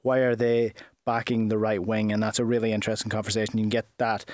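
A man's voice: lowish voice, level tone, fast talker, a little mellow, no echo. Chatty man hosting a podcast, dry sound. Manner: chatty, conversational, asks stacked questions. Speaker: podcast host.

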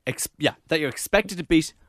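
A man's voice: fairly high pitch, a little fast, a bit bright, no room sound, clean studio sound. A young Irish-accented man chatting casually and animatedly as co-host of a radio podcast.

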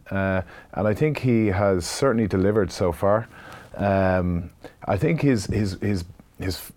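A man with a deep voice talks casually on a sports panel. He phrases his thoughts haltingly, often restarting and repeating words. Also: darkish tone. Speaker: rugby pundit, player.

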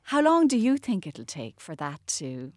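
A woman's voice: fairly low pitch, wildly swooping pitch, normal speed, darkish tone, no room sound, studio quality. A middle-aged woman with an Irish accent, hosting a discussion in a conversational way. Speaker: host. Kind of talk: conversational interviewing.

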